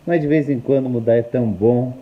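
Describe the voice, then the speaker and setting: A man's voice: medium pitch, fairly quick. A male pastor talking casually in a live stream, asking the viewers questions, recorded on a phone indoors. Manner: chatty, asks viewers questions. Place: indoor room at home. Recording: muffled phone livestream.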